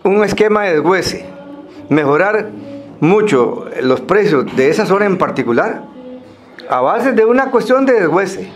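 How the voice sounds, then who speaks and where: A Costa Rican man speaking semi-formally to a group, explaining things in a halting way with pauses and repeated words. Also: high-pitched, animated, soft background music.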